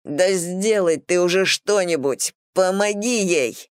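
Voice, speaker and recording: Woman reading a frantic young man in a storybook, yelling, dry close sound. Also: lowish voice, slow pace, clear, resonant tone, dry recording. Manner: shouting. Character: young man, panicked and angry.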